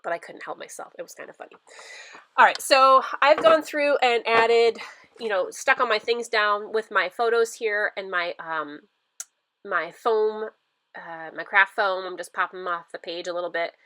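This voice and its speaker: A woman's voice: mid-range voice, moderate pace, sharp tone, dry recording. A middle-aged woman with a stuffy nose from a cold, chatting casually through a craft voice-over with lots of fillers. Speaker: scrapbooking vlogger.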